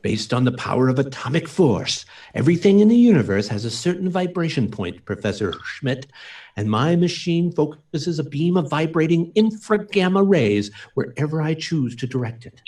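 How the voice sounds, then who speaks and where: In a sing-song voice that's a little high with a darkish tone, a man speaks at normal speed. He's performing a proud, explaining scientist-inventor in an old-time radio play, earnest and principled, with formal, emphatic theatricality.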